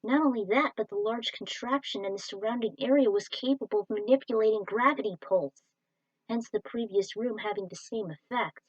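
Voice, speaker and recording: Brisk and fairly high-pitched, a woman narrates a scripted adventure story as an amateur podfic reader. The lo-fi home recording has no echo.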